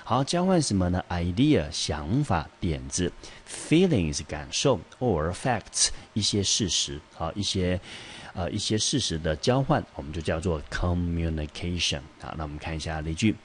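A male English teacher, giving a vocabulary lesson, spelling out syllables and repeating each word slowly. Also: low voice, expressive, a little hiss or hum. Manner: peppers speech with "好" and "呢".

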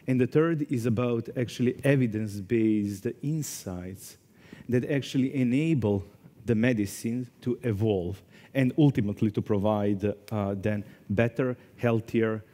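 A man in his forties from Serbia speaking as a conference panelist, earnest and deliberate, in a large hall. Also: medium pitch, dark tone. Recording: long hall reverb.

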